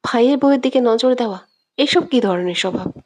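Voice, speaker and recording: A woman's voice: fairly high pitch, brisk, mellow, close to an everyday voice. A woman voicing a worried young man who tries to keep his friends from fighting. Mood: urgent. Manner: pleading, exasperated.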